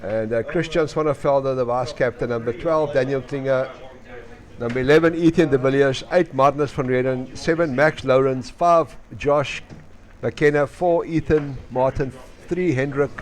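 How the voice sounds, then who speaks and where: A man's voice: mid-range voice, moderate pace. A South African man co-commentates a live match in a loose, chatty way, filling gaps with hesitations. His voice sits in a plain middle register for a man. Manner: chatty, many filler uhs. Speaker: sports commentator.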